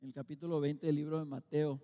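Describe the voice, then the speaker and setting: High-voiced Mexican pastor preaching in a ringing church. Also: male voice, flat delivery. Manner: dramatic preaching, swinging from loud calls to quiet, slow stresses. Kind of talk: sermon. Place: church sanctuary. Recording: long reverb of a church hall.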